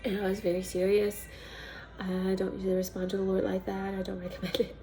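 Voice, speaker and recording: Over music, a woman with a cold speaks in a stuffy, congested voice that is mid-range, completely flat, and fairly quick. She's a missionary casually telling her story in a vlog testimony, rambling with ums and small laughs.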